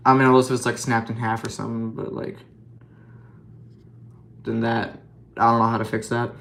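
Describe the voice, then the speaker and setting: A man's voice: medium pitch, flat delivery, moderate pace, creaky, fairly bright tone. A man casually talking through a scale model repair, rambling and joking at himself with plenty of fillers. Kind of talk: casual hobby vlog commentary.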